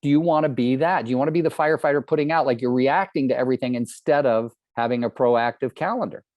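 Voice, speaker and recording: A man's voice: mid-range voice, fast talker, no room sound, lo-fi sound. A man in his sixties from California, giving an earnest, emphatic motivational training talk to real estate agents, often asking the audience questions. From California, United States.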